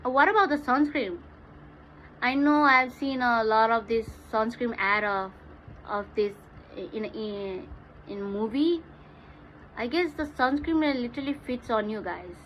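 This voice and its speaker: A Nepali-accented woman hosts a casual, playful livestream, mixing English and Hindi. Her voice is slightly high, slightly slow, and fairly bright, and the dull lo-fi audio carries clear background noise.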